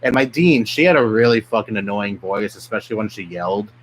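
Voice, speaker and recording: A man's voice: on the low side, animated, brisk, slight background noise, poor audio. A young man from New York City, a streamer ranting bluntly and profanely in casual live-stream chat. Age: young adult.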